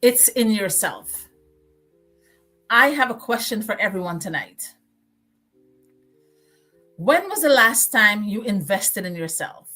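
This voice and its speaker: A woman's voice: mid-range voice, very animated, slow, pauses often, bright, forceful tone, faint music behind. A woman from Guyana with a Guyanese accent, hosting a motivational livestream and preaching, repeating phrases for emphasis. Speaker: livestream host.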